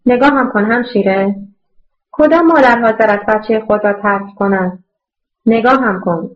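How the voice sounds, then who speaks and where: A kind, earnest man who runs an orphanage, as a woman narrator puts him on, gently comforting and pleading in an audiobook. The voice sits fairly high and the sound is dull and muffled. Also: close to an everyday voice. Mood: consoling. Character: kind middle-aged male orphanage director, earnest.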